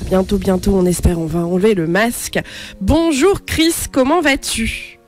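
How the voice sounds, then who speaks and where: A woman's voice: medium pitch, normal speed, a little mellow, soft background music. A woman hosting a radio show, introducing an artist and asking friendly, chatty questions. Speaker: radio host.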